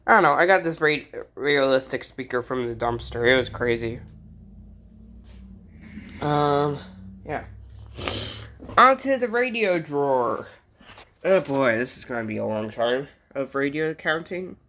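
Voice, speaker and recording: An American vlogger with a medium-pitched, animated, slightly bright voice chats casually and without a script in a bedroom while showing off a collection. He speaks at a measured pace with frequent pauses, rambling, joking and getting sidetracked, and a slight hiss or hum sits under the audio.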